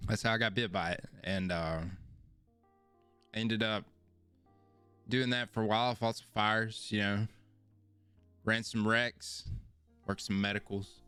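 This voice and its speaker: Man, podcast host, casual storytelling, rambling and self-mocking, smooth clear voice, lowish pitch, faint music behind. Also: a bit bright. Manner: rambling, self-deprecating, repeats himself.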